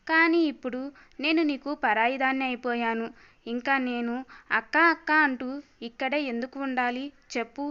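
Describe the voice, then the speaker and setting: A hurt, stubborn younger sister from a storybook, reproachful and pleading in a high, clear voice, read out by a woman narrator. The recording sounds slightly muffled. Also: pushed and bright.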